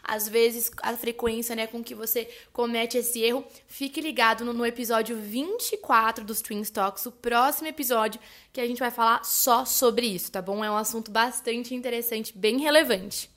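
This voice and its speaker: A Brazilian woman with a Brazilian Portuguese accent talks through a podcast lesson in a chatty, friendly register, her voice sitting a little high. She keeps checking in with her listeners and slows right down whenever she models an example word. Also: steady tone, a bit bright. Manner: chatty, addresses listeners as "gente", frequent "né?" and "tá bom?"; models English words slowly and carefully. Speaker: English teacher and podcast host. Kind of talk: casual explanatory lesson.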